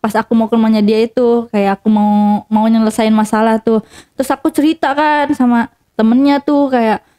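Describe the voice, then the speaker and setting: Young woman, mellow and fairly high voice, rambling casual storytelling, lots of fillers. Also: steady tone, moderate pace, smooth. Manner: rambling, many fillers and restarts, addresses listener as Kak. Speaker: interviewee telling her story.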